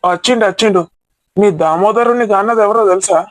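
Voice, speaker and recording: A man's voice: high voice, brisk, no echo, close to an everyday voice. A man playing an indignant, scolding relative. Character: angry male relative scolding and advising the family. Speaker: actor in a family comedy drama. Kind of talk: amateur family drama acting.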